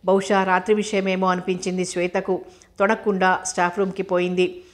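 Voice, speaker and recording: A woman narrating a novel as a scripted audiobook in steady, unhurried storytelling. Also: fairly low pitch.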